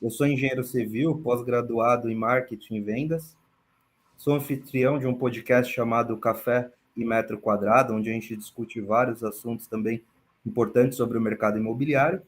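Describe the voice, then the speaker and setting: A man from São Paulo, a real estate manager speaking as a guest on a webinar panel, explaining in a measured, deliberate way. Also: mid-range voice, fairly even intonation. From São Paulo, Brazil.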